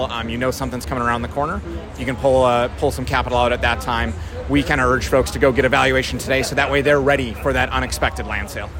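Male company rep, North Dakota accent, rapid explanatory interview delivery, busy crowd and vehicle noise outdoors. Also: medium pitch. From North Dakota, USA. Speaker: company representative being interviewed. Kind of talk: conversational pitch in an interview. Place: outdoors at a busy farm trade show.

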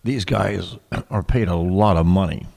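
Very deep, slow-talking radio co-host man. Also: creaky, darkish tone, long reverb tail. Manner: hesitant, halting, with fillers. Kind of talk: casual talk radio chat.

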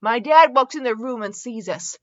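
Hosting a podcast, a woman reads comedy fanfiction in a giggly, mock-dramatic way, often breaking off for casual asides. Her voice is a little high, her pace moderate, and the recording muffled.

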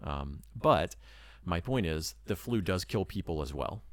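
An earnest man with a deep voice who talks in loose, rambling sentences full of hedges. He speaks casually beside his wife about moving abroad as a missionary. The recording is dry and close. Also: expressive, measured pace, no room sound. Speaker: missionary preparing to move abroad. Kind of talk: casual talk to camera.

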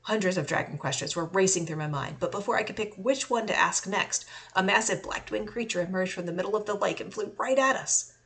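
A woman author reading her own first-person fantasy story aloud, in a steady storytelling manner. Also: medium pitch, fairly quick, gravelly, hardly any pauses.

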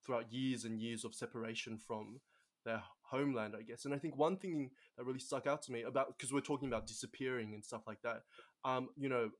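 A man's voice: medium pitch, steady tone, fairly quick. A young man hosting a casual chat, full of hesitations, restarts and agreeing "yeah"s. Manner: many hesitations and affirmations.

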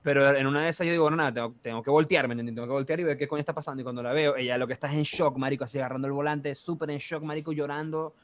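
Fast-talking Venezuelan young man. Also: a little high. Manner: animated, with vivid sound effects and constant slang fillers. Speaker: storyteller. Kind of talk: casual chat.

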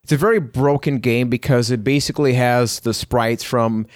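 A man's voice: medium pitch, fairly even intonation, moderate pace, no echo, studio quality. A man from Puerto Rico hosting a casual podcast, upbeat and playful, joking with his co-hosts. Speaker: podcast host.

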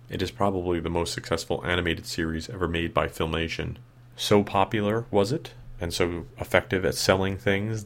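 A man hosting a retrospective with measured, matter-of-fact scripted narration and personal asides. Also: low-pitched. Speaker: retrospective show host.

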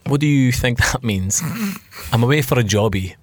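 A man's voice: mid-range voice, moderate pace, no echo. Blunt sweary Scottish man in his thirties. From Scotland. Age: 30s. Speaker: blind date guest. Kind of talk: casual chat.

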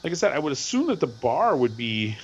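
A middle-aged man with a hoarse voice, co-hosting a podcast and telling a rambling, animated story with lots of repeats. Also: medium pitch, a little fast, dull audio, slight background noise. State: hoarse from screaming at a concert. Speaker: podcast co-host. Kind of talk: casual chat.

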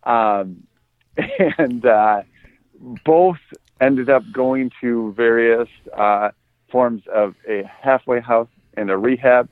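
A man's voice: medium pitch, slow, no echo. Laid-back man, tinny dry podcast audio. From United States. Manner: laid-back, chuckles through his story. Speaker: podcast co-host. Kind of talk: casual storytelling.

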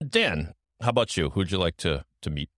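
A man's voice: low voice, big pitch swings, moderate pace, fairly bright tone, dry recording, clean studio sound. A man hosting a casual podcast, asking quiz-style questions in an upbeat, joking way. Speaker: podcast host.

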